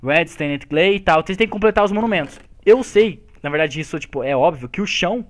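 A young man with a Brazilian accent, leading friends through a Minecraft map in casual chat, excitable and bossy as he explains the goals. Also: on the high side, brisk. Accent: Brazilian Portuguese. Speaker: lead Minecraft player.

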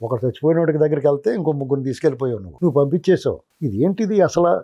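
A man speaks quickly in a dark, mellow voice as a political analyst. His commentary is heated and scolding, as though he is talking straight at the politician he criticizes. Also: on the high side, animated, highs cut off. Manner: scolding, addresses the politician directly as you.

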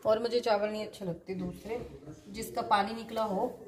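A woman in her thirties, a mother chatting casually to her viewers from her home kitchen while doing chores and gently scolding her child. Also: mid-range voice, fairly even intonation, normal speed, music in the background. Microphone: phone camera.

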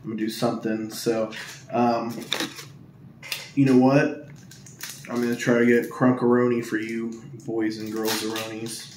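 A man speaks in a low, hushed monotone as he opens card packs at home, trailing off into ums and uhs. His voice bounces around a reverberant room over a faint hiss of ambient noise. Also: unhurried, long pauses. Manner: monotone, hushed tone to avoid waking others; rambling with many ums and uhs. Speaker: Pokemon card opening YouTuber. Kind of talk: casual hushed pack-opening vlog. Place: at home indoors.

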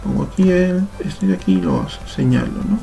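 Man, Peruvian Spanish accent, computer teacher, gravelly and mellow voice, step-by-step tutorial, faint music behind. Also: mid-range voice, sing-song, moderate pace. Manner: patient, step-by-step, self-correcting. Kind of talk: screen-recorded software tutorial.

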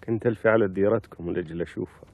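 A man's voice: deep voice, racing, no room sound. An actor playing an ailing young Bedouin man, tender and earnest, speaking Bedouin Arabic in a television drama. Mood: tender, weakened. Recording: dry, thin phone-like sound.

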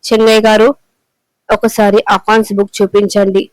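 Woman reading as a furious young guy yelling accusations, smooth flat voice. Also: mid-range voice, normal speed, dry recording, close to an everyday voice, poor audio. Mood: accusing. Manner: shouting accusations. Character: angry young man accusing an old clerk.

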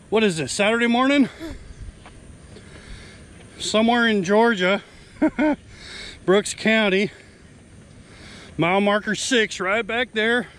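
A man's voice: high-pitched, fairly bright tone, a little hiss or hum. A man out of breath, chatting casually and joking while filming beside a road. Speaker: support crew for a runner. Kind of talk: casual outdoor vlog narration. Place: roadside outdoors by traffic.

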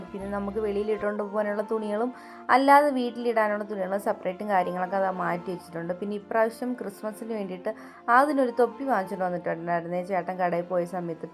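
A young Malayali woman narrating her Sunday at home in a chatty voice-over, often adding little tag questions. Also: medium pitch. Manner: chatty, keeps adding "കേട്ടോ". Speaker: home vlogger, mother.

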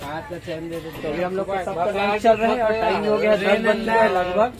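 A man's voice: high-pitched, fairly even intonation, moderate pace. A young man from India vlogging to his viewers in a chatty way from a train carriage, holding the phone at arm's length. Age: young adult. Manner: chatty, addressing viewers directly. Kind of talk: casual travel vlog. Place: inside a moving train carriage. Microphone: phone held at arm's length. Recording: phone audio with loud crowd and music. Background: train noise and chatter.

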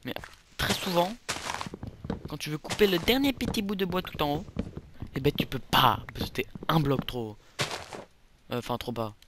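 A man's voice: a little high, normal speed, long pauses, noisy background. A young man giving casual, rambling commentary over a video game, joking at his own expense. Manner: rambling, self-mocking, jokey asides. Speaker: gameplay commentator. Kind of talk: casual let's play commentary.

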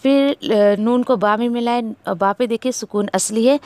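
Higher-voiced woman teaching Quran recitation. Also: darkish tone, clear, resonant tone, dry recording. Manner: corrects pronunciation, repeating syllables slowly to demonstrate. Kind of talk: tajweed lesson.

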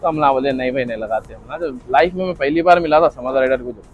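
A man's voice: medium pitch, quick pace. A young man, a vlogger telling a rambling story in casual chat and acting out the lines of the people in it. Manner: rambling, reenacts dialogue. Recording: dull lo-fi audio with faint music.

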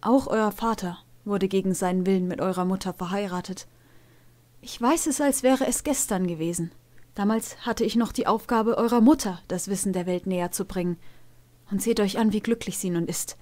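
A woman doing a gentle old stallion tutor. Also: mid-range voice, moderate pace, lightly acted. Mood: reassuring. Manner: gentle, fatherly. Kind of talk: storybook reading.

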